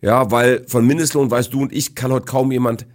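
A man's voice: mid-range voice, steady tone, brisk. A middle-aged man as a podcast guest, talking assertively and in a lecturing, declarative way. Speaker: guest, business speaker. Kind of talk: casual podcast conversation.

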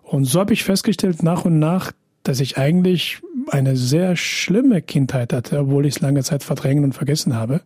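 A man in his thirties from Afghanistan, a podcast guest who answers thoughtfully and hesitantly, with many pauses and fillers. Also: fairly high pitch, a little mellow, breathy edge, no room sound, studio quality. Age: 30s. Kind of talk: interview.

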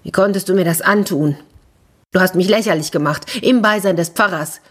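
A woman voicing a greedy, jealous older sister who speaks in a shrill, demanding way. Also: fairly quick, close to an everyday voice. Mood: accusing.

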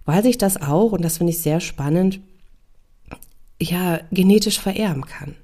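A woman's voice: lowish voice, measured pace, warm tone. A woman hosting a parenting podcast in a conversational monologue, often checking in with the listener.

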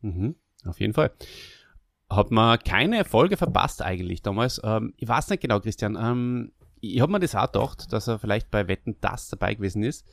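An easygoing Austrian man hosts a podcast with a rather low voice, recorded close and dry. He rambles a little, asking questions between fillers. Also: expressive, moderate pace, vocal fry, no room sound. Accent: Austrian German. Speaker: podcast host. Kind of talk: casual chat.

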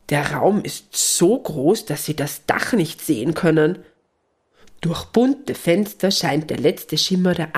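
Woman narrator, low, husky, gentle storybook reading.

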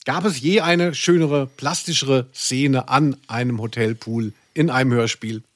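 In a steady, mid-range voice, a man takes his time hosting a podcast. The conversation is loose and rambling, peppered with jokes at his own expense.

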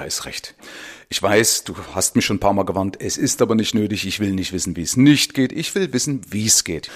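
Husky-voiced male podcast host. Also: medium pitch. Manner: conversational, with frequent tag questions to the listener. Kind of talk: casual spoken monologue addressed to the listener.

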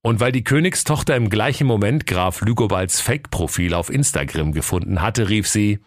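A man narrating a comic fairy tale in a deadpan storytelling manner. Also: on the low side, normal speed, dry recording, studio quality.

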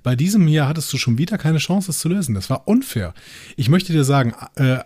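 A man's voice: fairly high pitch, sing-song, brisk, a little mellow, husky, no echo, clean studio sound. A man co-hosting a casual podcast, quizzing his partner with episode trivia and mocking himself along the way. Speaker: podcast co-host.

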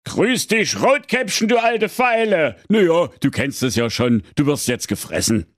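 A man's voice: a little high, expressive, unhurried, dry recording, clean studio sound, voice pushed up. Storybook parody: nervous, blustering male wolf, voiced by a man a few notes above his own. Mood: whiny. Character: cowardly, whiny big bad male wolf.

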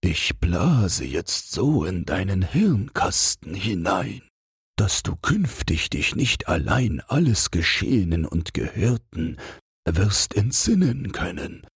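A man's voice: deep voice, big pitch swings, slow pace, slightly rough, no room sound, clean studio sound, exaggerated voice. A man voicing the wind in a fairy tale, commanding and lecturing. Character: the wind, a bossy kindly old elemental.

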